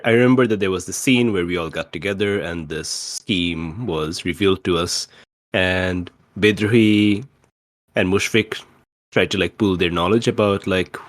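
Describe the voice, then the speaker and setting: A low-voiced man casually recaps a tabletop roleplay campaign he plays in, speaking haltingly and circling back to rephrase.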